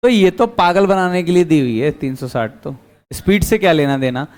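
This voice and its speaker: High-voiced physics teacher quizzing. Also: male voice, lively intonation, moderate pace, a little mellow. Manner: quizzing students, answering his own questions. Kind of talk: classroom lecture.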